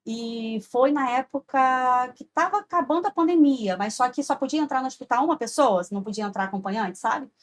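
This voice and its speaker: A woman's voice: high voice, a little fast, hardly any pauses. A woman, a podcast guest telling an earnest personal faith story and often checking in with "sabe?". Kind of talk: heartfelt personal testimony.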